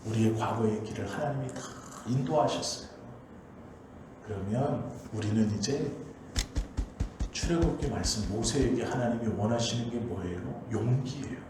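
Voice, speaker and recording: A man's voice: medium pitch, normal speed. Male pastor, sermon, emphatic repeated urging, pulpit mic, heavy church-hall echo, faint hum behind. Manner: emphatic, repetitive exhortation. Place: church sanctuary.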